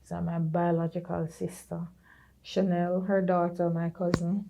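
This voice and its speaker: Mellow-voiced Jamaican woman telling her story. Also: lowish voice, measured pace, creaky. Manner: earnest, moves into patois and lively quoted voices. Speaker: podcast creator sharing her story. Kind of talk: personal testimony in conversation.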